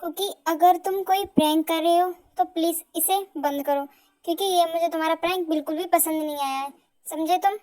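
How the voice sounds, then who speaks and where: A woman's voice: very high-pitched, steady tone, a little fast, a little mellow. A woman voicing a spurned, scheming young girlfriend who speaks sharply and scornfully, in an amateur fan audio drama.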